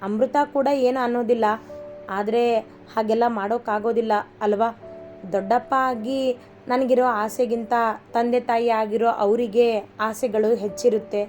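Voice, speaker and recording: A woman voicing a young husband who is tender and teasing. He speaks quickly and coaxingly in a storybook reading. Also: a little high, steady tone, a little mellow, faint music behind, natural voice. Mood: wistful.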